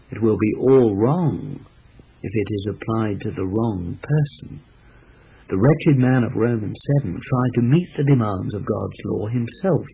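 Expressive man reading devotional text. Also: medium pitch, a little hiss or hum, rough recording. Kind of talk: scripted devotional book reading.

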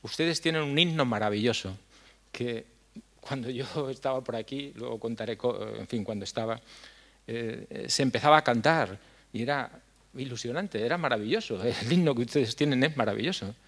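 An older man addresses a hall from a lectern. His speech is earnest and halting, broken by frequent fillers as he hunts for words. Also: medium pitch, a bit bright. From La Mancha, Spain. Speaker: foundation head giving a talk. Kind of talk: conference speech. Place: dark stage in a hall. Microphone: stand mic at a lectern.

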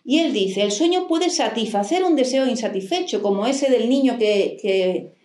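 Speaking at a moderate pace, a middle-aged woman psychoanalyst with a high-leaning, slightly mellow voice and lively intonation lectures into a handheld mic. She works through explanations and rhetorical questions in a library hall with a desk and plants, where the sound echoes.

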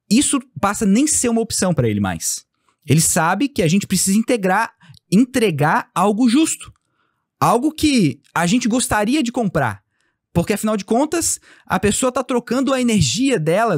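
A man being interviewed as a company founder, telling a casual story with animated delivery and acting out bits of dialogue. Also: sits high, no room sound, studio quality. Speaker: podcast guest, company founder.

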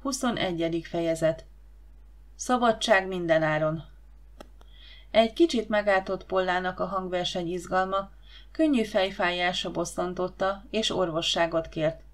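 Woman narrating an audiobook, low voice. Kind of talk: scripted narration.

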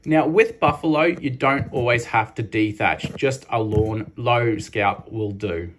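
A man's voice: medium pitch, measured pace, slight background noise. A man in his thirties with an Australian accent, a lawn care host giving a practical step-by-step voice-over with casual fillers. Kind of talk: instructional voice-over.

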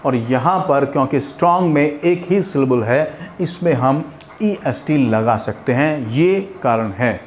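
A man teaching an English grammar lesson in Hindi and English with an Indian accent. He slows right down to spell out each English example. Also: medium pitch, a little hiss or hum.

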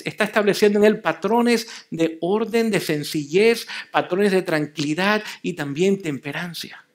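A man preaching a sermon in a church, his voice sitting high for a man. He presses his points hard, says them twice, and lets the ends of his phrases sink quiet and low. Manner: emphatic, repeats key phrases, drops to soft low endings. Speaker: pastor. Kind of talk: sermon at a family seminar.

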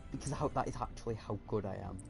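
A man's voice: lowish voice, fast, creaky. Rambling male gamer over game music. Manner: rambling, full of fillers and restarts. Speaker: streamer playing a racing game with friends. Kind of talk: casual gaming chat.

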